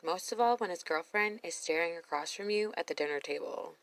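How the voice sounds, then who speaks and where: A woman's voice: on the low side, a little fast, rough recording. A woman commenting on a reality show in a sassy, blunt voice-over, swearing freely. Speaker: reaction video host.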